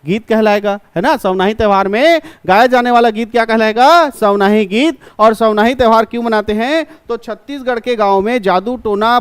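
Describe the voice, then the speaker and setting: A man teaches an exam-prep class. He poses each question and answers it himself, repeating key terms slowly. His voice is high, smooth and resonant, and the recording is dry and close. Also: no echo.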